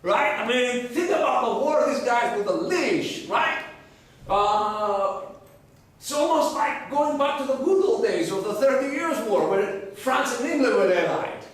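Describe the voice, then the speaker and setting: Jokey lecturer in an echoey classroom. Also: male voice, extremely high pitch, unhurried. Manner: lively, jokey, asks the class questions. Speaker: university lecturer. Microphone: far camera. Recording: echoey classroom from a far camera.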